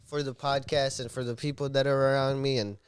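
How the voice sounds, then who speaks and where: A man's voice: medium pitch, flat delivery, a little fast, smooth, dry recording, studio quality. A man who is a podcast guest, chatting casually in a slangy, appreciative way. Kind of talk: casual chat.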